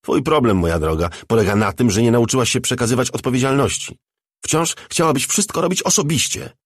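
A man voicing a crude, cold crime boss who speaks calmly and flatly. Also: mid-range voice, fairly quick, breathy edge, no echo, studio quality, pitched above the performer's own voice. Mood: detached. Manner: calm, detached, swearing.

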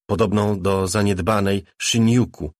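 A man reading a novel aloud as an audiobook narrator, in a measured, even delivery. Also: fairly low pitch, no room sound, studio quality. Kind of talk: scripted narration.

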